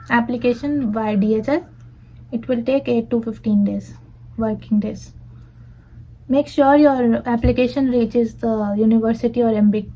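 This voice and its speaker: A woman's voice: on the high side, mellow, a little hiss or hum, low-quality recording. A woman in her twenties with an Indian accent, reading out viewer questions and answering them patiently in a casual Q&A. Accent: Indian English. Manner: reads questions aloud then answers in a patient, advising way.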